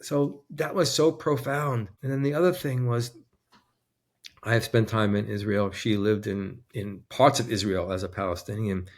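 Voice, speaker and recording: A man guest in an interview, speaking earnestly and with deep feeling, close to tears at times. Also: normal speed. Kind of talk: emotional conversation.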